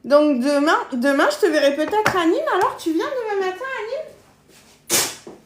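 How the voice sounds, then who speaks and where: A woman's voice: very high voice, animated, unhurried. A woman with a southern French accent, hosting a casual cooking live stream from her kitchen, chatting with viewers and laughing often. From south of France. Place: home kitchen.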